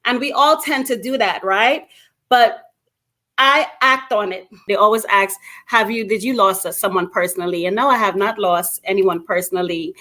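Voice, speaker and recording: She has a medium-pitched, sharp-toned voice and a moderate pace. A middle-aged woman with roots in Guyana and Brooklyn, New York, she is an anti-gun violence activist being interviewed, recounting events with emphatic, conversational storytelling.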